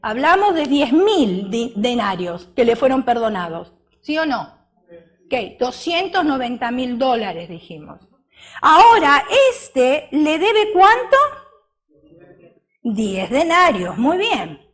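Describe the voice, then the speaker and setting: A woman's voice: high-pitched, sing-song, slow. A woman preaching a sermon. She keeps asking the congregation questions and acts out the parable as she tells it.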